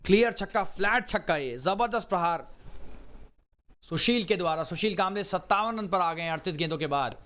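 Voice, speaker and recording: A man giving excited live cricket commentary, exclaiming in short, emphatic bursts of praise. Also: high-pitched, brisk, a little hiss or hum.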